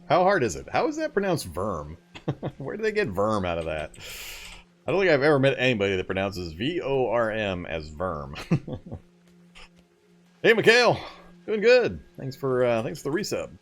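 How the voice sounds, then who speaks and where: Talking at normal speed, a male let's play streamer swings hugely in pitch within a mid-range voice. He narrates his looting as he plays live, breaks down game mechanics, and banters with viewers with relaxed laughter.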